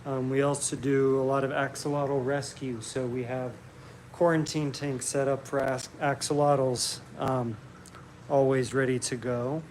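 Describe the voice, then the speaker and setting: A man hosting a casual live stream Q&A from his home, relaxed and chatty with frequent ums. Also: medium pitch, unhurried, a little hiss or hum.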